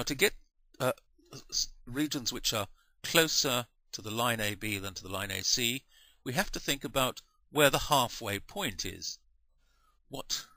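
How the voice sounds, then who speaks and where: A man talks through a maths lesson in a patient, measured way, pausing to correct his own slips. His voice is bright and clear. The sound is dry and close, with no room around it. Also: mid-range voice, dry recording. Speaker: maths teacher. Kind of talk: explaining a maths lesson over diagrams.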